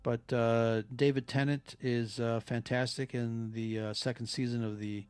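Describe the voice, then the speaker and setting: Male podcast conversationalist, smooth and crisp, relaxed casual chat, no room echo. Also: mid-range voice, measured pace. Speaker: podcast co-host or guest.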